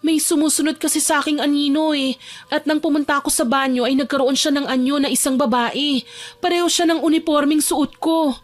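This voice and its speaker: A young woman voicing a frightened young woman locked in a dark basement, tense and pleading as she narrates her own horror story. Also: high-pitched, steady tone, a little fast, close to an everyday voice. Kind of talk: first-person horror story narration and dialogue. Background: faint music.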